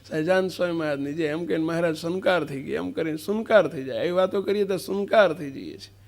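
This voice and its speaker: A preacher delivering a devotional sermon questions his listeners, stresses points emphatically, and acts out a street seller's cries. His voice is a little high, quick, and carries vocal fry.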